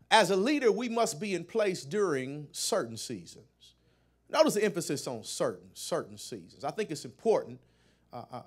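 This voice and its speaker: A middle-aged man preaching a sermon as a pastor, repeating words and building to shouted peaks that call the congregation to respond. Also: a little high.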